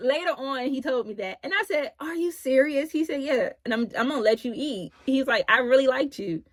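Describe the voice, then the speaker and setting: A woman's voice: sits high, brisk, no room sound. Chatty woman telling a story. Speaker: vlogger. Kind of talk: casual storytelling to camera.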